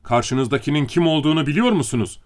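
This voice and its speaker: A man's voice: mid-range voice, animated, normal speed, close to an everyday voice. A man voicing a pompous male general who cries out in offended indignation. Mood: outraged. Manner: indignant outcries.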